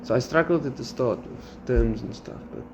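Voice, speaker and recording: This man's mid-range voice moves at normal speed as he hosts a podcast, chatting casually. A South African whose first language is Afrikaans, he animatedly voices his students' lines, with slightly dull sound and faint background noise.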